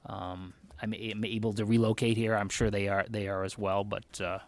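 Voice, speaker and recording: A man from Connecticut answering interview questions in an earnest, measured way as a job candidate. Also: fairly low pitch, little pitch movement, no echo. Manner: earnest, measured, thinks aloud. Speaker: job candidate for town manager.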